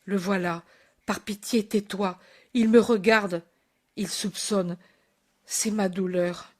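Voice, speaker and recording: A woman's voice: a little high, takes it slowly. A woman reading aloud and voicing an anguished older mother who pleads and cries out for her wayward son. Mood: hushed fearful. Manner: pleading, crying out in despair. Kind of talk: audiobook reading.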